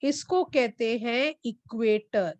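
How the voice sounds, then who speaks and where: Slow, deliberate physics teacher, woman. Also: fairly high pitch, no echo. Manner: mixes English and Hindi, quizzes students by name. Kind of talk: online class lecture. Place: online classroom.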